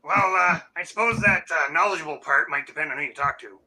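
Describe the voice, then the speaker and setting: A man doing a bright friendly closet monster. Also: a little high, a little hiss or hum, rough recording. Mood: easygoing. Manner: halting, says uh a lot, mild and polite. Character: friendly furry male closet monster, middle-aged.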